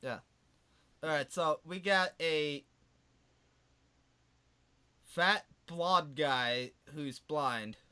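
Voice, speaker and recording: A man's voice: a little high, very slow, long pauses, sharp tone, smooth. A man co-hosting a podcast, chatting casually with blunt, mocking jokes. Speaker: podcast co-host.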